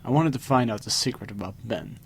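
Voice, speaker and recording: A man reading a scripted first-person horror story, dramatically, with pauses for suspense. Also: medium pitch, vocal fry, slight background noise. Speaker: creepypasta narrator. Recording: music behind the voice. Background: music.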